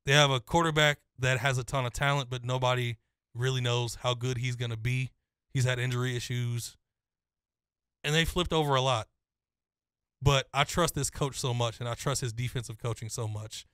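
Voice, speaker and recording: A man's voice: mid-range voice, normal speed, clear, resonant tone, no room sound, clean studio sound. Man breaking down college football. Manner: confident, detailed analysis with steady flow. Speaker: co-host. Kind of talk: casual sports chat.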